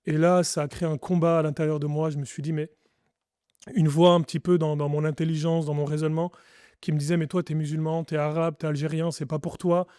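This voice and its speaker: Earnest French man, dark and dry. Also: fairly high pitch, flat delivery, fast talker, clean tone, dry recording. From France. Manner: earnest, reflective, frequent restarts. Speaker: pastor, podcast guest. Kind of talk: testimony interview.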